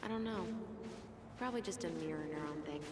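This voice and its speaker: A woman's voice: fairly low pitch, expressive, fast talker, noisy background, close to an everyday voice. An actress playing an impatient, bantering young woman in a video game, informal, blunt and teasing. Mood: uneasy, hushed. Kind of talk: naturalistic video game voice acting. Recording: game dialogue over music.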